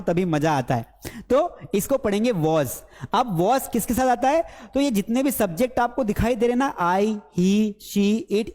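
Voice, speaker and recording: High-voiced Indian man teaching English. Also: in a large hall. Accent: Hindi. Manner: lively, repetitive drilling of pronunciation. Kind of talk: live online class lecture.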